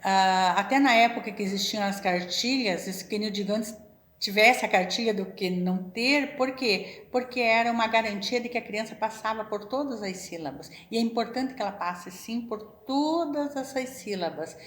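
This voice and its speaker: A woman, a literacy educator, patiently explaining in an informal teaching talk and sounding out syllables slowly. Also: medium pitch, a bit bright, echoey room.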